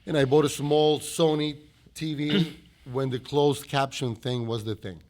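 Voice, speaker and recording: A man's voice: on the high side, fairly even intonation, measured pace, darkish tone. A man from Mexico with a Mexican accent, a restaurant owner being interviewed, telling stories animatedly, acting out quotes and restarting his phrases. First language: Spanish. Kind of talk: storytelling interview.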